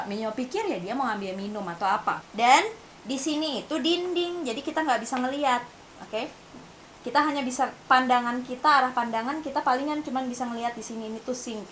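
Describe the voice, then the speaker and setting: A young woman from Indonesia telling a personal story to camera, casually mixing in English phrases. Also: on the high side. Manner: mixes in English phrases, refers to herself by name, animated retelling. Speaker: vlogger. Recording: faint hiss.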